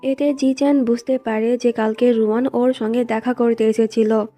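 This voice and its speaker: A woman with a fairly high but mellow, soft-edged voice tells a drama's story in an even, storytelling way. She reads the characters' lines in her own voice without acting them out. Faint music plays under her narration. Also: normal speed. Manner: plain recounting, reads quoted lines in the same voice.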